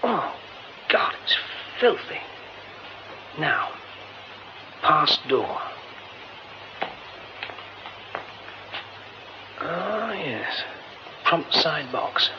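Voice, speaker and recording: A man's voice: on the high side, very animated, extremely slow, long pauses, heavily acted. An actor playing a nervy young theatre man, muttering to himself and stammering when flustered, in a radio drama. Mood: musing. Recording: dull lo-fi radio recording with hiss.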